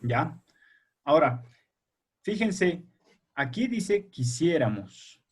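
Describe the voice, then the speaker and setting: A husky-voiced, slightly breathy man runs a primary school lesson via video call, patiently working through one step at a time and repeatedly questioning his pupils to check understanding. His voice is a little high, swings widely in pitch, and moves at a slow pace.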